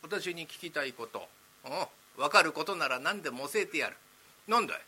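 A man playing a calm old retired man in rakugo, speaking softly and slowly. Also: fairly high pitch, husky, full character voice. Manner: slow, soft, unhurried. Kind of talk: rakugo storytelling.

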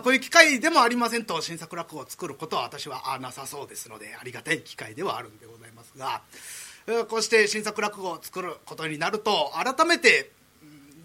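A man delivers a comic rakugo monologue before an audience, in formal, humble phrasing and often laughing at his own story. His voice is very bright and sits high for a man. His pitch leaps around freely.

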